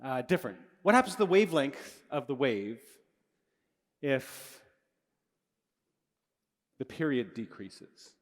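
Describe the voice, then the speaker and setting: A middle-aged physics lecturer speaks live to students in a big hall through a handheld mic, his medium-pitched voice very animated yet slow, broken by long pauses. He explains in a casual way and fixes his own slips as he goes, while the room's long reverb trails behind.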